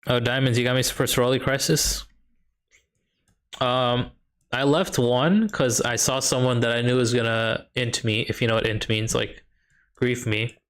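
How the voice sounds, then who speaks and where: A young American streamer with a light Chicago accent, who is also a high school math teacher, plays a strategy game while chatting casually on a live stream. His relaxed, mid-pitched voice is clear and resonant at a measured pace as he thinks aloud and reads out and answers viewers' questions.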